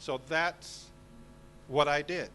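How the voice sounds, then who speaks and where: An older man teaching English at a presentation, explaining slowly and switching between English and Thai. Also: fairly high pitch, pushed and bright, a little hiss or hum. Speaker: English teacher giving a talk. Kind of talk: live presentation demonstrating audio.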